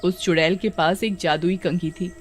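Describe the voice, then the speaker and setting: A woman voicing an excitable young village girl in a cartoon, breathless and eager. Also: on the low side, moderate pace, soft background music, natural voice. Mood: excited.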